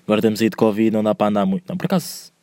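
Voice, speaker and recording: A young man with a European Portuguese accent hosts a solo podcast from home. He talks at a rapid clip in loose, slang-filled rambles that build into heated rants. The recording is dry, with no room sound. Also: fairly low pitch, lively intonation, mellow, no room sound. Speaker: podcast host. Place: indoors, recorded alone at home.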